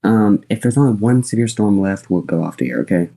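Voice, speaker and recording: A man's voice: fairly low pitch, fairly quick, creaky, warm tone, poor audio. A man hosting a live weather stream, laid-back and plain-spoken in casual on-air chat.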